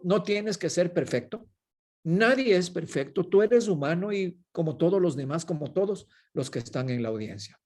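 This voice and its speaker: A man with a Mexican accent giving an energetic, emphatic webinar lesson as a public speaking coach over a video call. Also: high-pitched. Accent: Mexican Spanish.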